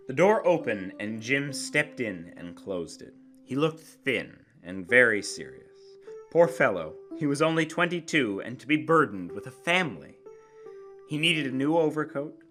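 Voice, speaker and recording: A man with a medium-pitched, sharp-toned voice gives an emphatic, theatrical dramatic reading of a classic short story, savoring each phrase. Plucked guitar music plays behind him.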